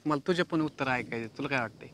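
A man's voice: mid-range voice, fast talker, fairly bright tone, a little hiss or hum, lightly acted. A man playing a husband who courts another woman and gets caught by his wife. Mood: sweet-talking. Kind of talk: comedy sketch acting.

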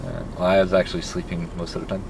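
A man in his thirties with a somewhat low voice chats casually and teases from the seat of a parked car. He is picked up by a dashboard camera, and steady car noise hums behind him. His talk is loose and joking. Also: rapid-fire, creaky. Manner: joking, teasing. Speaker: vlogger. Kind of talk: casual chat. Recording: noisy car interior.

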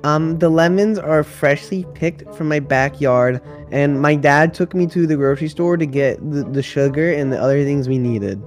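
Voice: mid-range voice, normal speed, few pauses, faint music behind, natural voice. Someone playing a stubborn twelve-year-old lemonade seller. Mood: sales pitch. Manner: stubborn, insists the price is fair. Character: cheeky twelve-year-old boy selling overpriced lemonade.

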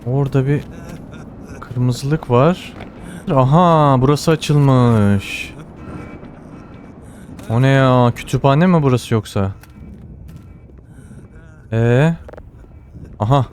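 A man with a Turkish accent giving excited running commentary while playing a game, often repeating words and exclaiming. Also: mid-range voice, very slow, long pauses, slight background noise. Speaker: gamer.

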